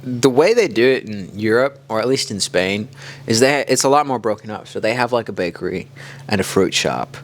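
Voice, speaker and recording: Laid-back low-voiced man telling travel stories. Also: brisk. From Kansas City area, US. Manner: relaxed storytelling, loose with "like". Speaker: podcast co-host. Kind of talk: casual chat.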